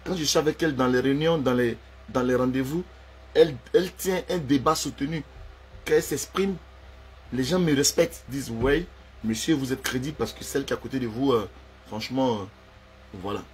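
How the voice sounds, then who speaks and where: A man's voice: mid-range voice, fairly quick, slight background noise. A man, delivering a heated, confrontational personal rant and repeating himself for emphasis.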